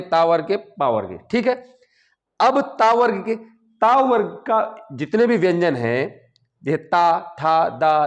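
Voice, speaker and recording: High, lively-voiced male teacher. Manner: explains patiently, checks in with "ठीक है" often, sounds out syllables slowly. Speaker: Hindi grammar teacher. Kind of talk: classroom-style explanation.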